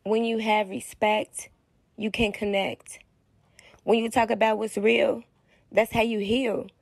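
Woman, gravelly voice, rhythmic rhyming spoken word, dry sound. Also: a little high, level tone, slow pace, no echo.

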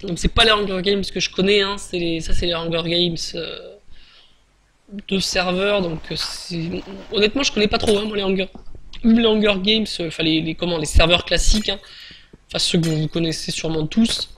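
A man's voice: sits high, steady tone, normal speed, a bit bright, slight background noise. A man giving casual, chatty gameplay commentary, hesitant with many fillers and restarts. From France. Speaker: gaming YouTuber.

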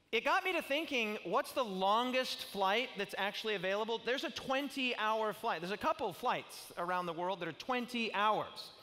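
A high-pitched, middle-aged male pastor, not Australian but living in Australia, delivers a sermon that opens with prayer to a campus audience from a large auditorium stage. He is an animated storyteller who jokes and gestures broadly. A headset mic picks him up amid long reverb and faint music.

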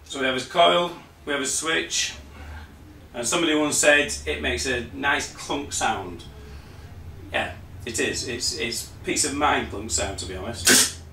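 Presenting a parts store video, a man walks through a technical demonstration in a shop or workshop room. His mid-range voice is gravelly, slightly worn and bright-edged, and he explains patiently but hesitantly, with lots of "um"s and restarts. He sounds a few steps from a distant camera, with roomy sound and a little hiss or hum.

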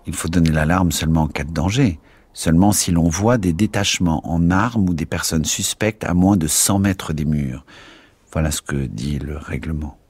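A man reading the lines of a calm, rule-bound veteran sergeant in an audiobook, formal and matter-of-fact. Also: very deep voice, moderate pace, husky, no room sound.

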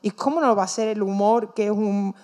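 A woman's voice: medium pitch, a little fast, darkish tone. A woman voice teacher speaking firmly on a panel, with hesitant starts. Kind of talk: panel discussion.

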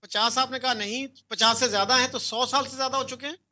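A man's voice: extremely high pitch, fairly even intonation, quick pace, sharp tone. An older man, joining a panel over a video call on a headset, telling anecdotes and slipping English phrases into his talk. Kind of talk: anecdotal chat mixing in English.

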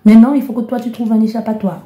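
A woman's voice: on the high side, steady tone, fast talker, warm tone. Impassioned woman reading tarot cards, echoey room. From Belgium. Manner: impassioned, addresses the listener directly, many restarts. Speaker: tarot card reader. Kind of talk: spoken card-reading guidance.

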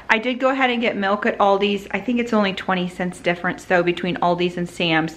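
A woman's voice: medium pitch, a bit bright. A woman in her forties chatting casually to a handheld camera in her home kitchen, listing groceries and prices with fillers and asides. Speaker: family vlogger. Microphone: handheld camera at arm's length.

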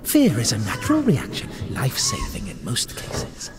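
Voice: mid-range voice, wildly swooping pitch, normal speed, over music. An actor voicing a mocking devil who talks inside a young nun's head, in a video game. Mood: taunting. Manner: sneering, taunting. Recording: game audio with background noise.

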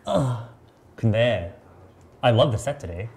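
A man in his thirties hosts a livestreamed makeup show, joking and teasing his guest in a casual, chatty way. His voice sits in a middle pitch and is picked up by a lapel mic in a bright studio, with a faint hum of room noise behind him. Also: lively intonation, normal speed. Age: 30s. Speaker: makeup artist and livestream host.

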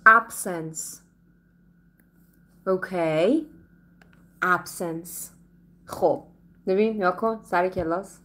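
A Persian-speaking woman teaching English in a playful, lively way, slowing down carefully whenever she speaks English. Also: lowish voice. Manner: switches between Persian and slow, carefully spoken English. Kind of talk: live online English lesson.

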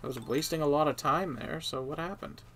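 A man's voice: fairly high pitch, a little fast, a bit bright, a little hiss or hum. A man streaming a video game, grumbling sarcastically and talking to himself and the characters as he plays. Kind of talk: casual gameplay commentary.

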